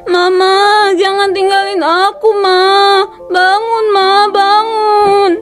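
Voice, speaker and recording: A tearful little cartoon girl who begs for help for her mother. Her voice is very high and she speaks slowly, pleading with every word. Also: little pitch movement, over music. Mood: desperate. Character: young girl, devoted daughter, tearful and pleading. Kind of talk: cartoon voice acting.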